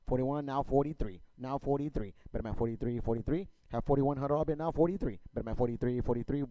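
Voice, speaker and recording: Fast-talking male auctioneer, relaxed dark tone. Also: mid-range voice, dry recording, rough recording. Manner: repetitive chanting of numbers and stock phrases. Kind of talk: rapid-fire auctioneer bid calling.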